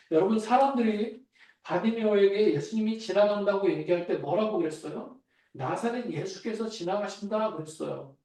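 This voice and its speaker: A man's voice: sits high, warm tone. A man preaching a sermon as pastor, speaking in a conversational way and asking the congregation questions. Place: church sanctuary. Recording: echoey church hall, voice from far off.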